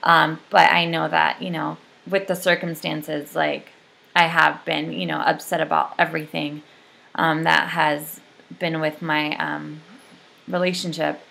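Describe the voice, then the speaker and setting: A woman's voice: low voice, level tone, measured pace, gravelly, pushed and bright. A young adult woman giving a casual, rambling video update, full of ums and likes. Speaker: vlogger.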